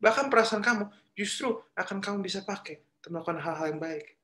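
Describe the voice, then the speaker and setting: A man's voice: high-pitched, fast, pushed and bright. A man with an Indonesian accent giving a casual youth sermon. He often questions his listeners and slips English phrases into his talk. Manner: chatty, asks the audience questions, mixes in English phrases. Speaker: youth pastor. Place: church room. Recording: echoey room.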